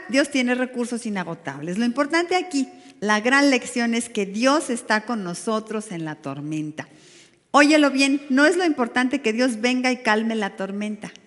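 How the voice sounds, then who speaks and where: A Mexican woman pastor preaching a sermon to a women's group, animated, with rhetorical questions and dramatic emphasis. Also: a little high. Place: church hall. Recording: long hall reverb.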